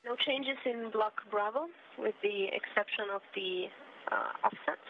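A woman astronaut giving a measured, halting technical report to ground control over a crackly space-to-ground radio link. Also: medium pitch. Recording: tinny radio line with faint hiss.

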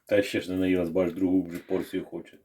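A man from Ukraine joking with his wife and mother-in-law in a home kitchen, cracking deadpan wisecracks. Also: sits low, fast talker, breathy edge. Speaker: son-in-law making dumplings. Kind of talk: joking family banter.

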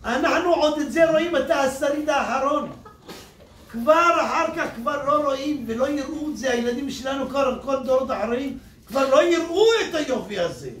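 A man who is a rabbi, giving an animated Torah sermon to an audience and breaking into emphatic shouts. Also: very high-pitched. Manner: animated, addresses listeners as "my teachers and rabbis", bursts into emphatic shouts. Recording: echoey room, distant mic, faint noise.

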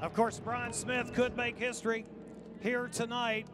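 A man's voice: extremely high pitch, little pitch movement, unhurried. A man working as an event announcer, hyping up the crowd at an outdoor event. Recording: noisy outdoor public event.

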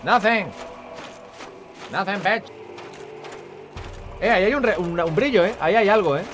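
A young man with a Spain Spanish accent and a high, expressive voice rattles off rambling, casual commentary as a gaming channel host. He swears a lot and chats to his viewers at rapid speed while game music plays behind him.

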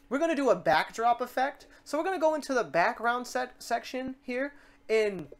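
Narrating a screen recording, a tutorial host talks through software steps in an easygoing, unscripted manner. His pitch sits in the middle range, and he thinks aloud and fixes his own mistakes as he goes.

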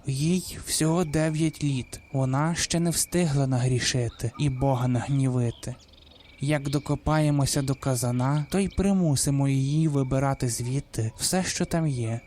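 A man's voice: medium pitch, moderate pace, a little mellow, slight background noise, lightly acted. A man reading the part of a desperate peasant woman in a storybook tale, pleading and wailing. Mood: scheming.

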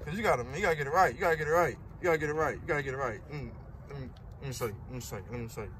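A man's voice: mid-range voice, very fast, a bit bright, slight background noise. Man talking around a cigarette. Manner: repetitive, slangy, mumbled through a cigarette. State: cigarette in mouth. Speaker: comedy sketch creator. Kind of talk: comedy skit.

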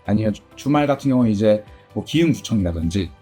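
A middle-aged man with a dark, slightly husky voice answers interview questions casually, his pitch rising and falling in a lively way. He rambles comfortably with many fillers, over faint music. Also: fast. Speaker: game store owner.

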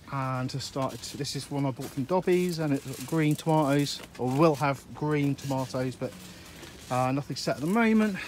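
A man with a mid-range voice gives a relaxed, rambling tour of his allotment and polytunnel, saying uh often. He films outdoors on a handheld phone while walking, with slight background noise.

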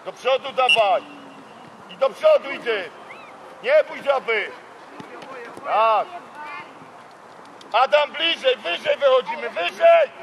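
A man coaching a youth football team from the touchline, shouting urgent short commands and players' names outdoors. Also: extremely high pitch, expressive, slow pace, pauses often. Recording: noisy outdoor crowd recording. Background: crowd and street noise.

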